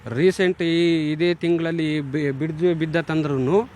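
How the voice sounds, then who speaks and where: A man's voice: a little high, steady tone, a little slow, darkish tone. A man from the village, earnestly testifying and pleading for compensation. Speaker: villager interviewee. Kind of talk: interview testimony.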